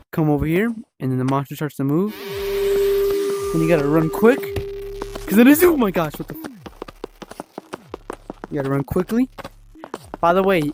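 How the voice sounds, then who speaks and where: Narrating how his VR game level is coming along, a young man chats and rambles, frequently correcting himself. His voice is fairly high, with slight background noise in this casual gaming vlog.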